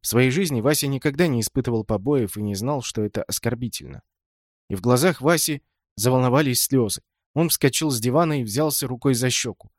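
A man's voice: mid-range voice, a little fast, dry recording. Man narrating a story, dry close sound. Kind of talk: scripted audiobook narration.

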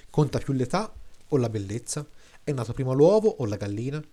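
A man's voice: mid-range voice, very animated, a little fast, mellow. Man reading as a quarrelsome village woman. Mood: arguing. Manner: argumentative.

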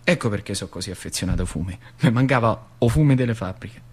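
On stage, an actor plays an old working-class factory man from northern Lazio, his central Italian accent coloring a rambling, confiding monologue of reminiscence. His voice sits lowish and slightly rough, moving at a quick pace, and the mood is wry and confiding.

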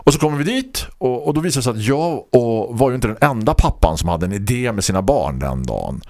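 Animated man telling a story. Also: dry recording, clean studio sound. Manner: animated, laughing storyteller with big swings in pitch. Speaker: host. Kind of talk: casual storytelling chat.

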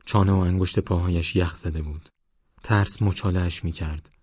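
A man calmly narrating a novel as an audiobook reader in a measured way. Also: low-pitched, slightly rough, no room sound, muffled recording. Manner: calm, measured reading. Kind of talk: scripted narration.

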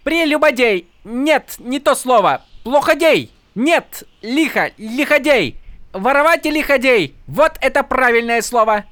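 Male reader as young noblewoman, high and loud, broken-grammar bluster, audiobook. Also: moderate pace, hardly any pauses, dry recording. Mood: indignant. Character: young noblewoman faking a broken-speech brute accent, bold, playful. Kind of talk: audiobook character voice.

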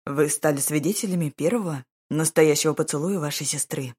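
Woman doing a calm, ironic young duke. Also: sits low, fairly quick, husky. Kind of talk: audiobook character voice.

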